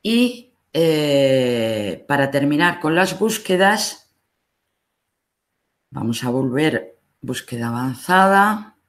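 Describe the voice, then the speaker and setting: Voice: mid-range voice, big pitch swings, slow pace. A university library instructor with a Spain accent, giving a recorded online lesson and patiently explaining each step of a screen demonstration.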